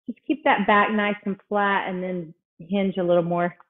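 A woman's voice: medium pitch, fairly even intonation, normal speed, phone-quality sound. A woman fitness instructor coaching a workout, out of breath, upbeat and encouraging as she counts reps aloud.

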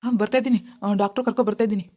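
A woman voicing a worried middle-aged husband and father in an animated family drama, calm and reassuring. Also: mid-range voice, racing, voice pushed down, close to an everyday voice.

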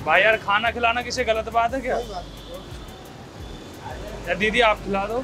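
A man's voice: high voice, steady tone, normal speed, background noise. A man, a YouTuber posing as a beggar in a street social experiment, pleading persistently for money and food. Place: outdoor city street.

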